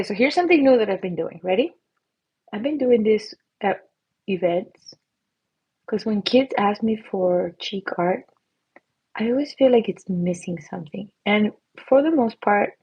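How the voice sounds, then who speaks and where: A woman's voice: mid-range voice, normal speed, dark tone, breathy edge, lo-fi sound. Bubbly giggling woman on a live stream. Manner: bubbly, giggly, chatty with viewers. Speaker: livestream host and face painter. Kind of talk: casual live-stream chat while painting.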